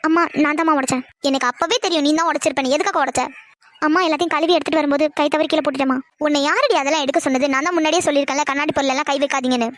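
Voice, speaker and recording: A woman voicing a mother and her daughters in a cartoon, in rapid, scolding family arguments. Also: high-pitched, steady tone, a bit bright, dry recording. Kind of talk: cartoon dialogue.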